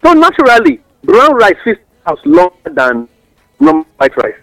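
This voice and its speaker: High-pitched Nigerian man explaining in Pidgin. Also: wildly swooping pitch, moderate pace, fairly bright tone, no echo, soft background music, rough recording. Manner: didactic, uses examples and rhetorical questions. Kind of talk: explanatory talk in West African Pidgin English.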